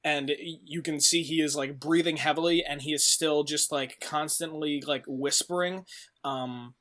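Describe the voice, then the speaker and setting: A man's voice: fairly high pitch, fairly even intonation, moderate pace, a bit bright. A man narrating a tabletop horror game as game master, rambling with many fillers. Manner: rambling, filler-heavy, laughs often.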